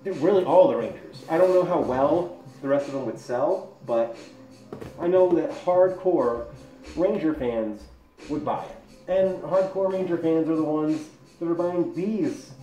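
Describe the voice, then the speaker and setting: A man speaks from inside a helmet, his voice muffled and enclosed. He chats eagerly in a fairly high voice, with faint music behind him, and the room gives an echo. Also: unhurried, mellow. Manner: enthusiastic, chatty. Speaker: collectibles reviewer. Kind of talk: casual product review. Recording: echoey room.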